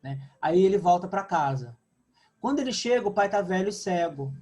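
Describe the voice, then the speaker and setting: A male literature teacher with a Brazilian accent, explaining a lesson and checking in with quick tag questions. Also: high-pitched, animated, a little mellow. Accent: Brazilian Portuguese. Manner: retells stories casually, with blunt asides. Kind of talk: recorded online class lecture.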